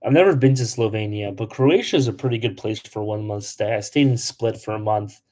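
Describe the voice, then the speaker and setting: A young man with a lowish, fairly quick voice and a darkish tone hosts a casual travel livestream, answering comments. He's originally from Poland and keeps things chatty, dropping "like" constantly and getting blunt with trolls.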